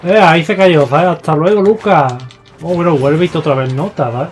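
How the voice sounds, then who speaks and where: A young man with a Spain Spanish accent giving excitable, foul-mouthed live gameplay commentary, yelling at his opponents. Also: on the high side, normal speed, a little hiss or hum. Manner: excitable, swears a lot, yells at opponents. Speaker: gaming YouTuber. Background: faint game music.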